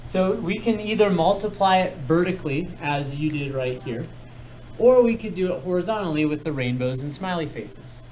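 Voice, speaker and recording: A man's voice: on the high side, expressive, moderate pace, darkish tone, a little hiss or hum, rough recording. Patient male math teacher in class. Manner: patient, encouraging, guides step by step. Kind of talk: classroom instruction.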